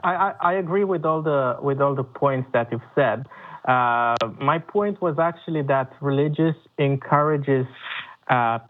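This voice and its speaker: Male caller, hesitant and halting, heard over a tinny phone. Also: medium pitch, slight background noise. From Romania. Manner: hesitant, many uhs and repeated starts. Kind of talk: phoned-in discussion.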